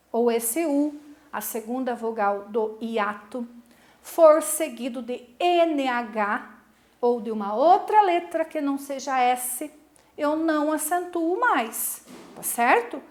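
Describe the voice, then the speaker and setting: A Brazilian woman teacher giving a video lesson to school pupils, explaining a rule patiently, step by step, and asking the class questions. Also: sits high. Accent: Brazilian Portuguese. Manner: calls herself "a prof" in the third person.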